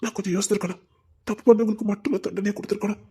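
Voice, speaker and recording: A husky, breathy voice voices a remorseful husband in an audio drama, as an actor plays him. He has a Tirunelveli Tamil accent and pleads and apologizes with deep feeling. His pitch sits in a middle range. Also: fairly even intonation, very fast, warm tone. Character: remorseful short-tempered husband.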